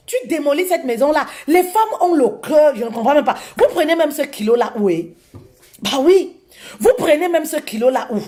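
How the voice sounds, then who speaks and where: A woman relationship coach giving casual advice talk in an animated way, laughing often and calling listeners "maman". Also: high-pitched.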